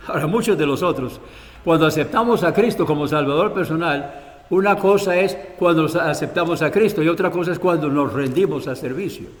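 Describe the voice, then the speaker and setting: Costa Rican pastor, sermon, voice pitched a bit high, long echo in a church. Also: male voice. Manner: colloquial storytelling, acts out the scripture. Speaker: preacher.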